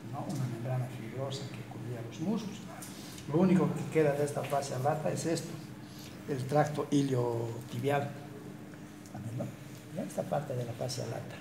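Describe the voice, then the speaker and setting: A man lecturing on anatomy at a dissection, explaining step by step and often checking in with his students. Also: mid-range voice. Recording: echoey room with noise.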